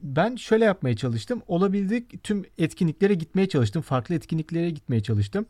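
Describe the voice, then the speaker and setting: Higher-pitched young man hosting a podcast. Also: very animated, moderate pace, mellow, dry recording. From Turkey. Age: 20s. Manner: careful word choice. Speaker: podcast host. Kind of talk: casual chat.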